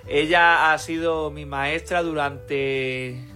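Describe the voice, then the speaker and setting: A man's voice: fairly high pitch, steady tone, slow pace, pushed and bright, soft background music. A man hosting a talk show, chatty and informal, with many fillers and questions. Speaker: host.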